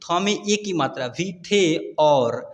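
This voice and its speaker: A man with a fairly high voice leads a slow reading lesson, sounding out each word letter by letter before joining it up. His voice hangs in a long, echoing reverb. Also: expressive. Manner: spells words out letter by letter, repeating "ठीक है". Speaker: Hindi teacher.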